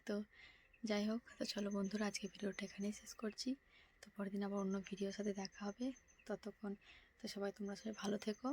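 Young woman hushed whispering, whispered role-play, low flat soft voice, quick. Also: slight background noise. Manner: speaks softly so her sleeping son won't wake. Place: home, indoors at night.

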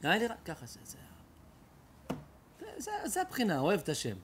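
A man, a rabbi, preaching an emotional storytelling sermon, shifting dramatically between loud outcries and hushed tones. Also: high voice, wildly swooping pitch, background noise.

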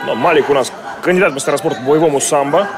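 Quick male commentator calling a fight. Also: on the high side. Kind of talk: live sports commentary. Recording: clear crowd noise behind.

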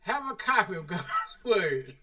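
A man teaching the Bible like a preacher, talking about himself in the third person and drawing out the scripture words slowly. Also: sits high, big pitch swings, bright, forceful tone, rough recording. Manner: slow, drawn-out emphasis on scripture. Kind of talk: radio-style Bible teaching.

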